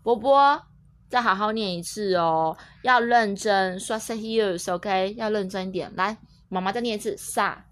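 Mom-teacher type, mid-pitched woman, patient and coaxing, slows down to model each word, casual home lesson. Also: a bit bright. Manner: patient, coaxing, repeats words slowly and clearly; switches between Chinese, French and English. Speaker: French teacher and mother. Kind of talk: casual French lesson with her young daughter.

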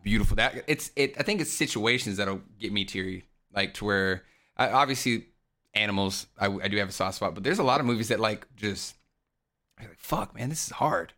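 Guy co-hosting a podcast, kinda low but bright voice, swears a lot, laughs easy. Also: fairly quick. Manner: casual, swears freely, laughs often. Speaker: podcast co-host. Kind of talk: casual podcast chat.

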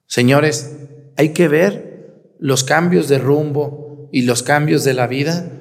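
A Mexican man preaching a sermon as a priest in a lively, animated way. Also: on the high side, slow pace, vocal fry, long reverb tail. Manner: animated, acts out complaining voices.

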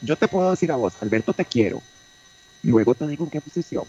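A man's voice: a little high, lively intonation, fast, warm tone, slightly rough, lo-fi sound. A man playing a flirty, sassy woman on a comic radio bit, teasing and affectionate as she calls everyone her love. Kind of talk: comic character on a radio show.

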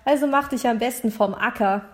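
A woman reading a novel aloud, voicing a blunt, mocking male supervisor in a brash, loud manner. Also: a little high, brisk, close to an everyday voice. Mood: sarcastic. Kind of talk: audiobook character voice.

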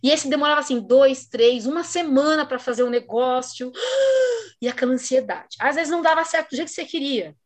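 High-voiced Brazilian woman professor. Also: a little fast. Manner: animated, acts out quoted voices. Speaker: research supervisor and professor. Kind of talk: casual podcast talk.

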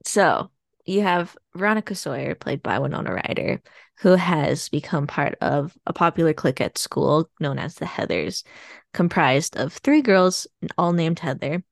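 A woman with a low, creaky voice co-hosts a podcast, speaking animatedly at normal speed. She casually retells a plot in a rambling way, with fillers and laughs, on a dry studio-quality recording.

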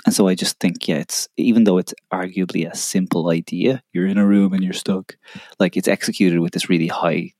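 Deep gravelly man in thoughtful chat. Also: steady tone, a little fast, darkish tone, dry recording, studio quality. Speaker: podcast co-host. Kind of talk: casual chat.

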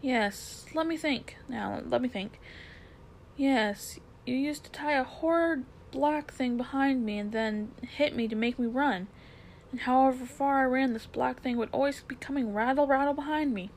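A woman voicing a thoughtful talking cab horse who speaks slowly and a little higher than her own voice. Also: slight background noise. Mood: musing. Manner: slow and thoughtful. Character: slow, thoughtful old cab horse, muddled memory.

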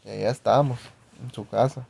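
A man's voice: mid-range voice, steady tone, a little fast, vocal fry, darkish tone, husky. A young man with a Mexican accent telling a personal anecdote in a casual, rambling way, full of slang and swearing. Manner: slangy, profane, rambling storytelling. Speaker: storyteller.

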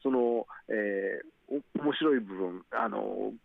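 Gravelly man on a tinny line. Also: lowish voice, slow pace, no room sound. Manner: polite, explanatory, many fillers. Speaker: pro wrestling commentator. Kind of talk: radio wrestling match report.

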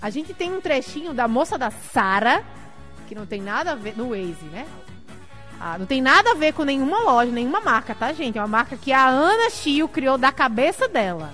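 A woman hosts a live-streamed interview in a high, bright voice, chatty and lively as she reads out viewer messages. Faint music runs quietly underneath. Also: normal speed. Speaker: interview host.

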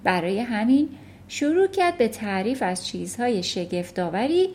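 A woman reads a children's novel aloud as an audiobook narrator. Her voice is high, and she keeps an even storytelling pace. The delivery is steady and suited to young listeners. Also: a little hiss or hum.

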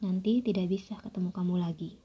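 A woman voicing a rebellious, hot-tempered school troublemaker with blunt retorts, in a breathy voice. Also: on the low side, steady tone, fairly quick. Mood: sheepish. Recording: dull lo-fi recording.

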